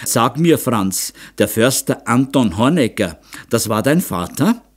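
A man voicing a gentle, worried young noblewoman who asks soft, anxious questions in an audiobook. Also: mid-range voice, very animated, measured pace, breathy edge. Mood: dreamy. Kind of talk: audiobook character voice.

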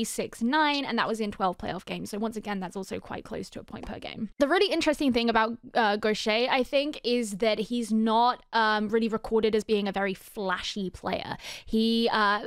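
A woman's voice: a little high, smooth, no echo, clean studio sound. A young woman talking casually through hockey draft picks, reading out stats and riffing on them with lots of ums and restarts. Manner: chatty, many fillers and restarts, reads stats then riffs. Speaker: hockey video creator. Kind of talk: casual sports analysis.

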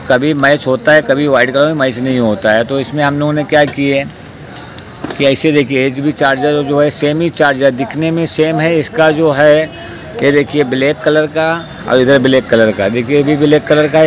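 A man working as a mechanic, giving a hands-on repair tutorial outdoors in plain, repetitive speech with many fillers. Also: mid-range voice. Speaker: motorcycle mechanic. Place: outdoor street repair spot. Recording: noisy outdoor street recording.

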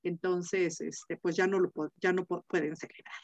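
A woman's voice: on the low side, flat delivery, moderate pace. A middle-aged woman with a Mexican accent teaching a Latin class online, chatty and full of fillers, often asking her students questions. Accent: Mexican Spanish. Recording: dull lo-fi video call audio.

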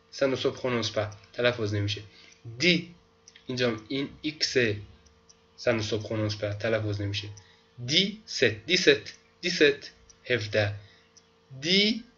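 Guy teaching french, repeats every word slow, sharp tone, kinda dull audio. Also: medium pitch. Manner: slow repetitive drilling of pronunciation. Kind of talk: online language lesson.

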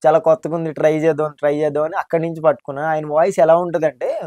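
A man's voice: fairly high pitch, little pitch movement, very fast, no room sound. A young man from Andhra Pradesh, a mimicry and dubbing artist, chatting playfully in an interview. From Andhra Pradesh, India. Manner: joking, playful, soft-spoken. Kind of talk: casual interview chat.

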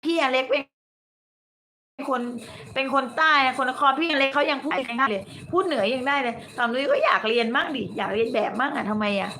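Talking at normal speed in a high, sharp voice, this woman hosts a late-night livestream from an indoor room, chatting with fans in a blunt, coarse-tongued manner. She's from Nakhon Si Thammarat, southern Thailand, and speaks with a mix of Southern and Bangkok Thai accents; a little hiss or hum is audible.

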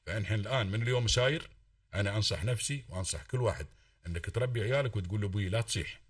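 A man's voice: fairly low pitch, very fast, recorded from a distance. A man with an Emirati Arabic accent speaks at a breakneck pace, pressing his point with one oath after another. He sounds set back from the microphone, in a dry space with no echo. His tone is a fervent call-in lecture. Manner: fervent, swears oaths, lectures emphatically. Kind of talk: impassioned call-in talk.

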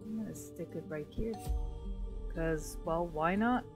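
A woman's voice: on the low side, a little slow, over music, rough recording. A woman commentating casually on her own gameplay, thinking aloud, while losing her voice. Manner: thinks aloud, self-talk with frequent restarts. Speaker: gameplay streamer.

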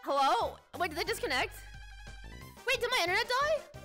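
A woman's voice: very high voice, sing-song, normal speed, pushed and bright, soft background music. A woman hosting an online stream in casual chat, with a cute, girlish, whiny anime-streamer manner.

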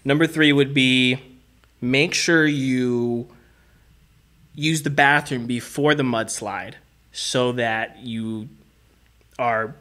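A man's voice: medium pitch, fairly even intonation, slow pace, long pauses, pushed and bright. A young man, a youth leader, co-hosting a podcast with goofy jokes and playful bro talk. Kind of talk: casual comedic chat.

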